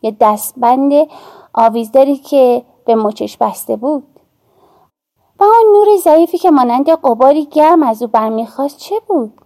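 Woman narrator, audiobook, mellow dark tone, gravelly, measured, soft hushed dips. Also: high voice, animated.

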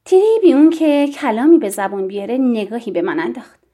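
A woman reading a novel aloud in the first person, in a measured and expressive way. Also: fairly high pitch. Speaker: audiobook narrator. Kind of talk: scripted first-person story narration.

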